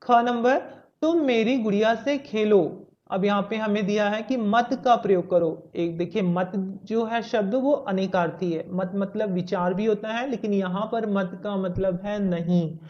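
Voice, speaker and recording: A woman's voice: mid-range voice, measured pace, hardly any pauses, a little mellow. A woman teacher patiently walking young children through a Hindi textbook exercise step by step, mixing in English words. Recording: slightly dull lo-fi audio.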